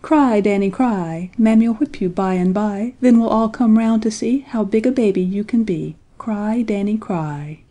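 A woman's voice: mid-range voice, measured pace, few pauses, mellow, close to an everyday voice. A woman voicing a teasing young male rabbit in a storybook, chanting in a sing-song taunt.

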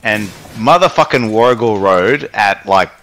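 A man's voice: fairly low pitch, lively intonation, measured pace, a bit bright. A young man chatting casually while gaming, telling rambling, profane stories. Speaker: streamer.

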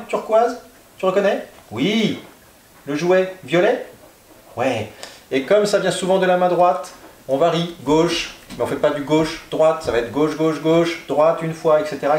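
A man with a slightly higher voice, working as a dog trainer, speaks in a calm, steady way. He gives firm short commands while explaining the exercise indoors at home. The room is echoey.

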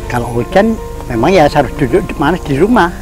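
A man's voice: on the high side, big pitch swings, a little fast, poor audio. Older village man answering plainly. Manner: plain, agreeable, with hesitant fillers. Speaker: village elder interviewee. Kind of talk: casual interview answers. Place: outdoors on a wooden house porch in a village. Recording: music playing under the voice.

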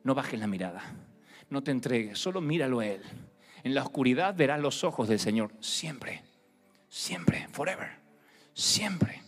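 A male pastor preaching a sermon, impassioned, swinging from hushed tones to shouting. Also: mid-range voice, animated, brisk, in a large hall, soft background music. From Argentina.

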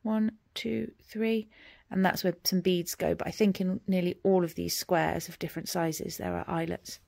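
A woman in her forties giving a casual, rambling progress update on her stitching at home, often trailing off into quiet murmurs as she counts. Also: lowish voice, fairly even intonation, moderate pace, creaky, dry recording, clean studio sound. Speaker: cross-stitch vlogger.

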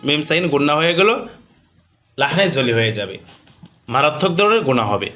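Guy teaching tajweed, slow chanted words, bright voice, kinda high for a man. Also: big pitch swings. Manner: slow sung recitation alternating with rapid rule explanations; asks questions and answers them himself. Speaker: Quran recitation teacher. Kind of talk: tajweed lesson with drawn-out chanted examples.

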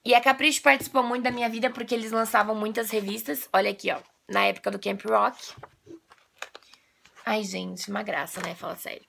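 Bright, creaky young Brazilian woman with a cold. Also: mid-range voice, a little fast, slight background noise. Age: 20s. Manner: gushing, animated fan talk. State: slightly nasal, off voice from a coming cold. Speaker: video blogger. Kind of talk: casual chat to camera. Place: small bedroom, indoors.

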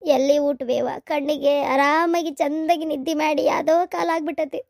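A woman's voice: high-pitched, steady tone, normal speed, a little mellow, dry recording, studio quality. A woman voicing a worried older mother in a cartoon, lamenting and soothing in a North Karnataka Kannada accent.

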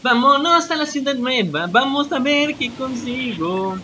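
Excitable Venezuelan man yelping over gameplay. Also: extremely high pitch, unhurried, over music. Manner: excitable, yelps and swears, talks to himself. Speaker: gamer. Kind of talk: live game commentary.

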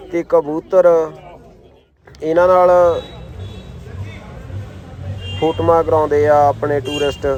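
A man's voice: on the high side, darkish tone, highs cut off. A man with an Indian Punjabi accent narrating a travel vlog in casual, slangy, exclamatory talk. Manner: colloquial, slangy, admiring exclamations. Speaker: travel vlogger.

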